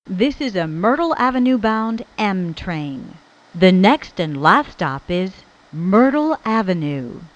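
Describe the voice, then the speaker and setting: A woman's voice: medium pitch, big pitch swings. Woman's spliced-together train announcements. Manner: measured, evenly spaced phrasing. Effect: spliced-together recorded phrases, station names joined in. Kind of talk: prerecorded transit announcements. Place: inside a subway train car. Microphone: recorded announcement played over the train PA. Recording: dull lo-fi onboard speaker.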